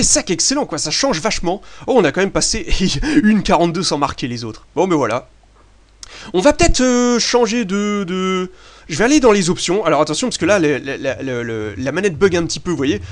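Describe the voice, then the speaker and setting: Swearing casually and hesitating to fill pauses, a young man from France excitedly chats through a basketball video game as a gaming video host doing casual let's-play commentary. His voice sits high.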